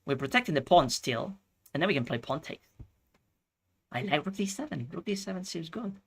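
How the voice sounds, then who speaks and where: A man from Chile streaming chess, thinking out loud through his moves and chatting with viewers. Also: on the high side, lively intonation, brisk, creaky, slightly rough. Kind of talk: live-stream commentary.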